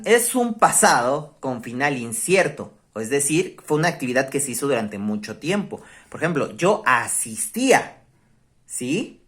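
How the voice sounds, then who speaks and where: A woman with a Mexican accent teaching a class, animated, often stopping to check the students are following. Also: sits low. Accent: Mexican Spanish. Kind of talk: online class lesson on grammar.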